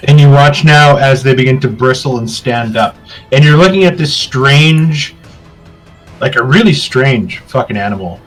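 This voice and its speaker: A man narrating a tabletop game as game master, describing scenes in a relaxed way with filler ums. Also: mid-range voice, normal speed, faint music behind, low-quality recording.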